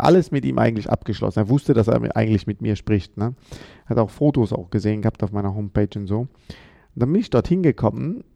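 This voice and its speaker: Man from Ethiopia, comedian, chatty storytelling, gravelly, mellow tone, dry sound. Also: fairly low pitch, no room sound. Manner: chatty, adds "ne?" after many sentences. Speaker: comedian and guest. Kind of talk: casual interview storytelling.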